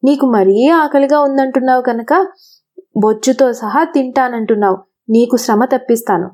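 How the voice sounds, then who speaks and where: A woman's voice: high-pitched, moderate pace, mellow. A woman voicing a crafty ram pretending meek surrender in a storybook reading. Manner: meek and eager-sounding. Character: humble ram, cunning, falsely meek.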